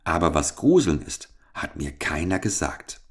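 A man's voice: low-pitched, big pitch swings, a little slow, slightly rough, exaggerated voice. A man voicing a fearless, cheeky young lad in a read-aloud fairy tale, sounding carefree and cocky. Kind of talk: storybook reading.

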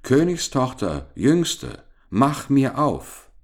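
A man voicing an ugly talking frog in a children's fairy tale, drawing out his words slowly and insistently. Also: low voice, lively intonation. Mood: calling. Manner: slow, drawn-out, coaxing.

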